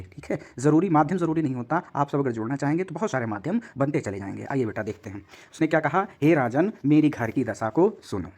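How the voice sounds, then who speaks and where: A man with a slightly mellow, mid-range voice and a Hindi accent teaches a class. He goes through the material word by word, repeats each meaning, and addresses his students as "beta".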